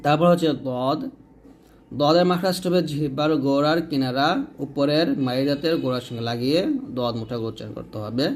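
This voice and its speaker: A man teaching pronunciation of Arabic letters, patiently voicing each sound clearly and stressing it for learners to repeat. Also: mid-range voice, brisk, a little hiss or hum. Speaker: Quran recitation teacher. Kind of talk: step-by-step pronunciation lesson.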